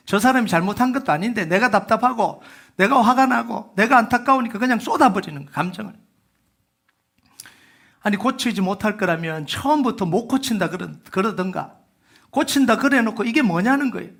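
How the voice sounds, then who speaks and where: A male pastor preaching a Sunday sermon in a church, talking to his congregation like a conversation. His voice sits high for a man and has a gravelly edge. He keeps asking rhetorical questions and calls on the room to read scripture with him. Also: lively intonation, fairly quick, fairly bright tone. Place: church sanctuary.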